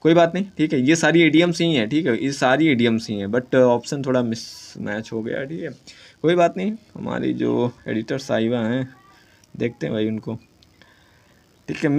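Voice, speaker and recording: A man teaching exam idioms in casual Hindi mixed with English, often saying "ठीक है", reading English sentences out slowly and correcting himself as he goes. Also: medium pitch, gravelly. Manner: self-correcting, jokes with students.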